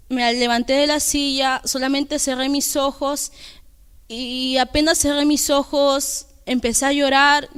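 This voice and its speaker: A young woman giving an earnest, halting personal testimony at church, with many restarts. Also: high voice, fairly bright tone, clean tone. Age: young adult.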